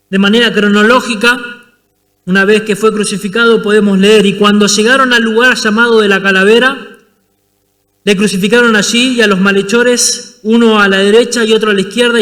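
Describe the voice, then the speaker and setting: A man with a high, bright and forceful voice preaching a sermon in an Argentine accent. He retells the scripture story with dramatic flair, and his voice rings with the long reverb of a church hall. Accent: Argentine Spanish. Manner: dramatic storytelling, acting out scenes. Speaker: pastor.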